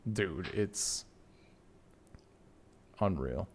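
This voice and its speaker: A man's voice: sits low, expressive, drawn-out words, slight background noise. A man with an Upper Midwest accent hosting a casual podcast chat, rambling with lots of fillers. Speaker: podcast host.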